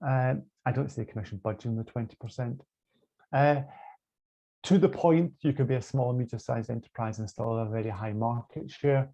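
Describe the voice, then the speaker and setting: Gravelly Scottish man lecturing online. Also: medium pitch, fairly quick, dark tone. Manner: hesitant, many fillers and restarts. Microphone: video call. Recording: muffled lo-fi online call audio.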